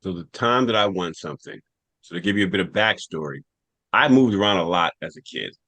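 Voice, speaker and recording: An American podcast host with a New York accent tells a rambling, casual story from his childhood. His voice sits low and sounds a bit bright, with lively intonation and a brisk pace.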